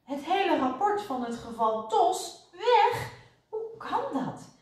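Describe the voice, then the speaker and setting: Woman doing a flustered head nurse, high, storybook, echoey. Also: very animated, normal speed, far from the mic. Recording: roomy echo, voice off-mic.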